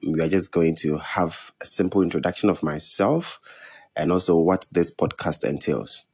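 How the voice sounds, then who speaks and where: A young man with a West African accent, hosting a podcast alone in a measured, earnest way. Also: deep voice, steady tone, a little mellow, husky. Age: young adult. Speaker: podcast host. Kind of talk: introductory solo podcast talk.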